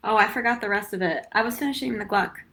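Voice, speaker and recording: A woman's voice: mid-range voice, fast, fairly bright tone, faint music behind. A young woman giving a casual live-stream flute lesson, chatty with many ums and easy laughs. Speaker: flute teacher.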